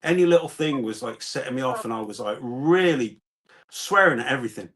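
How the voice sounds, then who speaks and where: A man's voice: medium pitch, brisk. Stammering man telling stories. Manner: stammers on restarts, animated storytelling. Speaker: guest on a live stream. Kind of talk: casual chat on a live stream.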